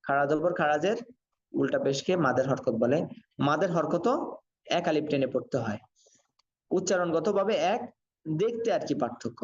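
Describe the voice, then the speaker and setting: A man teaching Quran reading in an online class, sounding out syllables slowly and repeating them for learners. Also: a little high, expressive, breathy edge. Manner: slow syllable-by-syllable drilling, repetitive. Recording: dull lo-fi sound.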